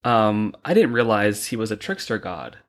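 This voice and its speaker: A man's voice: fairly low pitch, sing-song, normal speed. Wry, crude male podcast co-host. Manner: wry, crude, trailing asides. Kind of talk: casual chat.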